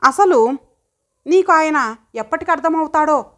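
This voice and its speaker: Lady doing a worried storybook mom, pleading and lecturing, high voice. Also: expressive, measured pace. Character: caring middle-aged mother, gentle but firm.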